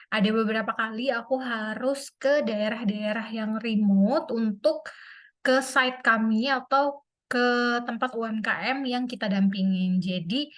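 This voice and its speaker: Young adult woman, casual talk-to-camera vlogger, slightly high voice, chatty with frequent fillers. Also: a bit bright.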